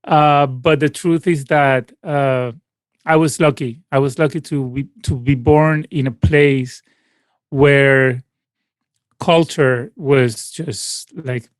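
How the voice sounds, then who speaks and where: A man's voice: medium pitch, fairly even intonation, slow pace, dry recording. Venezuelan man, rambling interview answers. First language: Spanish. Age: 40s. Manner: rambling, many restarts and fillers, laughs often. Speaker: guest musician. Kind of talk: casual interview over a call.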